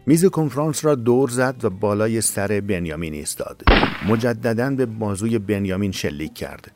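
A man narrating a tense audiobook story in a steady, measured way. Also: on the low side. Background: faint music.

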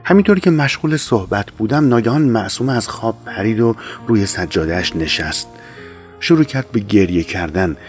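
A man narrating an audiobook in a measured, calm storytelling manner. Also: lowish voice, faint music behind.

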